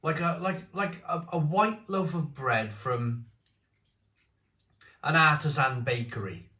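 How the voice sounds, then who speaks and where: A British man with a chesty cough gives a casual, halting review, often repeating phrases as he muses. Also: fairly high pitch, bright, forceful tone. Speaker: beer reviewer. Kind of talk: casual spoken review to camera. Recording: echoey room.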